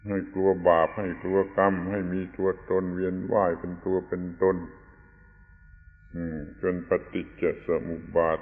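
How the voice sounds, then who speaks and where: Deep-voiced man giving a tinny, echoing sermon. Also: level tone. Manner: unhurried, explanatory, stresses correct pronunciation. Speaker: Buddhist teacher. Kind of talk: dharma sermon. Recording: tinny lo-fi recording with long hall reverb.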